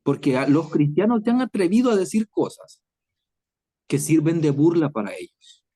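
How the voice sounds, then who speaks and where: A man's voice: a little high, sing-song, moderate pace, warm tone, breathy edge. A man preaching an online Bible lesson in a conversational way, acting out dialogue with scripture. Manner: conversational, preaching to a chat audience; acts out dialogue with Jesus and scripture.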